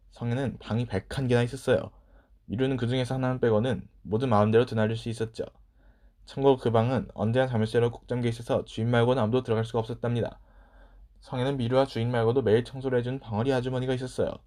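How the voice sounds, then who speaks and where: A man reading a children's story aloud in a gentle, expressive storytelling manner. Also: medium pitch.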